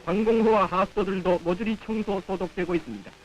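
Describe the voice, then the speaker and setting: High-pitched North Korean male newsreel announcer. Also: fairly even intonation, quick pace, slight background noise, rough recording. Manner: solemn, declamatory. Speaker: newsreel narrator. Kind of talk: scripted 1950s propaganda newsreel narration. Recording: old 1950s film soundtrack.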